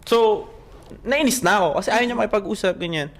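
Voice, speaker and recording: A man's voice: high-pitched, fairly quick. A young Filipino man co-hosting a podcast, telling a story in casual chat and acting out quoted lines with laughs. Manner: animated, acts out quoted dialogue with laughs. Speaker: podcast co-host.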